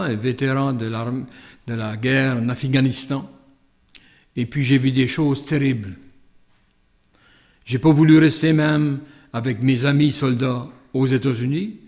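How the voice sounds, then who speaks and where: A priest with a Canadian French accent and a mid-range voice reads the gospel, then delivers a conversational homily. His sermon unfolds as reflective storytelling with an anecdote and hesitant asides.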